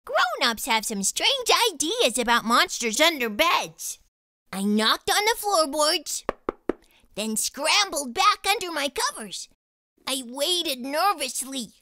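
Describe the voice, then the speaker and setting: Animated woman reading a storybook. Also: high voice, slow, no echo. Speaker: storytime host. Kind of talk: children's storybook read-aloud.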